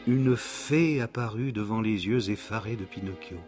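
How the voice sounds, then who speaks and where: A man narrating a children's story in a dramatic storybook manner, slowing down for suspense. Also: lowish voice. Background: soft background music.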